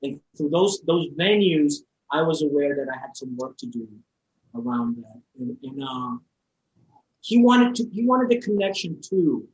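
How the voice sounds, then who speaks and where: A man's voice: a little high, animated, unhurried, muffled recording. A man telling a personal story as a podcast guest, heartfelt and open, often repeating and restarting his words. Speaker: interview guest.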